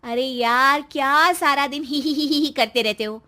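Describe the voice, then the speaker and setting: A woman's voice: sits high, normal speed. Woman voicing a bossy, mocking young wife. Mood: scolding. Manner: loud, scolding, sarcastic. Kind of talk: storybook voice acting.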